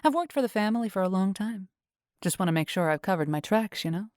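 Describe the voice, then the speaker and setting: A woman voicing a calm, evasive female agent bluffing her way through in an audiobook. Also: mid-range voice, fast, no room sound, clean studio sound, lightly acted. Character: cool-headed woman agent bluffing undercover.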